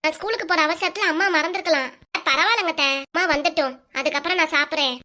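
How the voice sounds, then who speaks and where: A woman voicing a polite, calm little schoolgirl in a cartoon, with a southern Tamil Nadu accent and gentle, obedient replies. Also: very high-pitched, quick pace.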